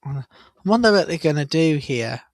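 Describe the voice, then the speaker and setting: A man hosting a live cricket watchalong, chatty and excitable, jumping up in pitch at big moments. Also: moderate pace, no echo. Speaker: watchalong host.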